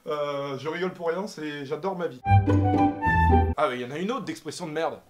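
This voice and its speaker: A young man doing a comic rant to camera, animated and exaggerated, swearing and laughing often. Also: fairly high pitch, normal speed, over loud music. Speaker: comedy vlogger. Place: apartment.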